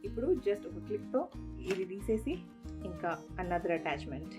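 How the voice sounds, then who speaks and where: A woman's voice: lowish voice, very animated, measured pace, over loud music. A woman vlogger talking casually and playfully at home, switching into English now and then. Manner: playful, chatty, mixing in English.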